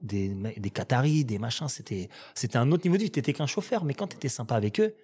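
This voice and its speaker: A French man telling long stories in a relaxed conversation. He talks fast and rambles, restarting his sentences as he goes. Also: medium pitch, breathy edge. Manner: rambling, animated storyteller with many restarts. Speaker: restaurant owner and guest. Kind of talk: casual storytelling chat.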